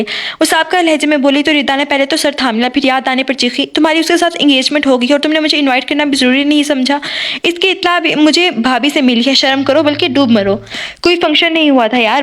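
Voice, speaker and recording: A woman's voice: high-pitched, fairly bright tone. A woman reading a romance novel aloud, narrating and voicing every character herself, with small slips and restarts. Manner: reads all characters herself, occasional stumbles and restarts. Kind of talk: scripted novel narration with dialogue voices.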